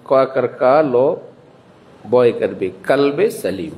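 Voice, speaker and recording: A madrasa principal preaches a religious lecture in a Bangladeshi Bengali accent, posing questions to his listeners, answering them himself, and spelling out letters and sounds slowly. His mid-range voice is animated and a little mellow, with slight background noise.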